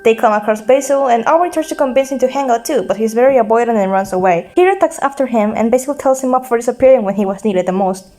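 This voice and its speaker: A woman's voice: a little high, fast, few pauses, low-quality recording. A woman narrating a fan story in a casual, recorded voice-over, with a wry, offhand, joking delivery. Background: soft game soundtrack music.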